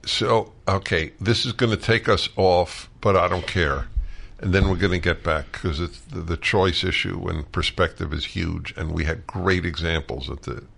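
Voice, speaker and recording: A man's voice: low-pitched, steady tone, moderate pace, vocal fry, fairly bright tone, husky. An older man hosting a podcast, talking casually and getting emotional and choked up. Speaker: podcast host.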